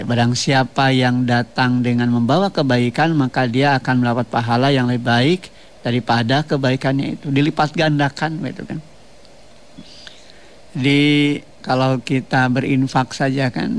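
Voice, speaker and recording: A man preaching a radio sermon in a measured, explanatory way, often repeating phrases and ending them with tag questions. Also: medium pitch. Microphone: radio studio microphone.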